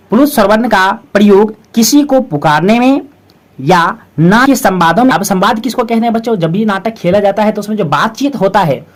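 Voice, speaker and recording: Steady teacher restating every definition. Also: mid-range voice. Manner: repeats each definition twice, slow and steady; calls students 'children' and 'friends' often. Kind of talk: grammar lesson for schoolchildren.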